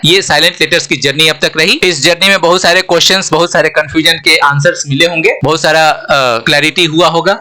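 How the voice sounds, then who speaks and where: A man's voice: fairly high pitch, pushed and bright. A man teaching an English lesson in a patient, explaining way, often repeating words and checking "ok?" with his learners.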